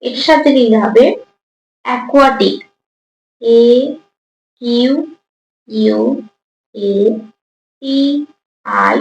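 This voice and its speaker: A woman teacher going through exam answers, reading English prompts slowly, explaining them in Bengali and spelling words out letter by letter. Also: a little high, a little hiss or hum. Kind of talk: exam answer walkthrough lesson. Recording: echoey room.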